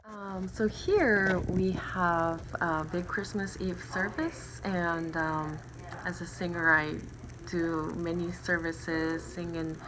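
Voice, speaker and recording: Slow, hesitant woman from Japan. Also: on the low side, steady tone, noisy background. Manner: hesitant, many ums. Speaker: interviewee. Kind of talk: recorded interview.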